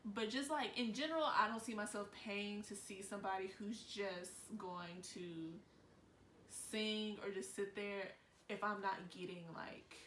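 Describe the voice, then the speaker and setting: A woman's voice: medium pitch, unhurried, fairly bright tone, a little hiss or hum. A young adult woman giving opinions in casual, emphatic conversation as host of a reaction chat. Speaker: host reacting with her grandmother. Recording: echoey room with music behind.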